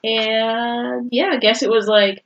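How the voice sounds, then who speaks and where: A higher-voiced woman chatting casually as a podcast co-host, animated and quick to laugh. Her voice sounds dull and lo-fi, bouncing around a roomy, echoey space. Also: a little hiss or hum. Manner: laughs often, animated and candid. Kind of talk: casual chat about a fan fiction story.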